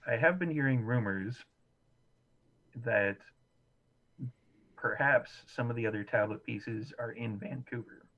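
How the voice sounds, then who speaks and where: A man narrating a live tabletop game as game master, relaxed and quick to laugh. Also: medium pitch, highs cut off.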